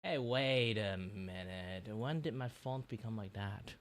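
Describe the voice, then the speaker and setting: Casual streamer host, mid pitch, rambling think-aloud chat with muttered asides. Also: a little slow. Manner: rambling, muttering to self while working. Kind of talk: casual livestream chat while working.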